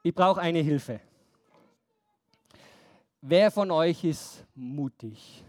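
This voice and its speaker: Animated woman telling a Bible story to children. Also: deep voice, drawn-out words, dry recording, clean studio sound. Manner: animated, quizzing and counting along with kids.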